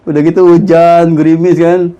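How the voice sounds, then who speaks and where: A man's voice: on the high side, normal speed, clean tone, muffled recording. Seorang pria berlogat menceritakan pengalaman pribadinya dengan santai dan hidup, sering tertawa. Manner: lively, laughs often, acts out others' lines. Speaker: guest telling a personal story. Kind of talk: casual storytelling in slang.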